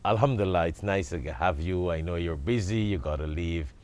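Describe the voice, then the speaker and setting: A man's voice: low voice, brisk, a little mellow. A man hosting a studio talk show interview, giving formal, effusive introductions and asking questions.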